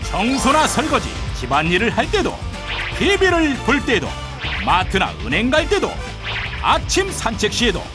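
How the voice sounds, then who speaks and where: A woman narrating a scripted hard-sell advertisement with punchy, emphatic slogans. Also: fairly high pitch. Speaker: advertisement announcer. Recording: voice-over with loud music behind.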